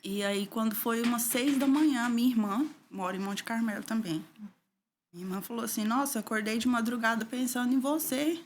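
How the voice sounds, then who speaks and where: Giving a heartfelt testimony in an interview, this middle-aged woman from Brazil talks fairly quickly. Her voice turns quiet, low and teary when she reaches the hard parts, and a little background noise can be heard.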